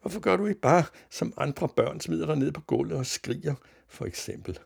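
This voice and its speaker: A man voicing an irritable, shouting father in a read-aloud children's story, with a gravelly, husky voice. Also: animated, heavily acted. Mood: weary. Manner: shouting, high and strained. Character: angry shouting father, easily exasperated.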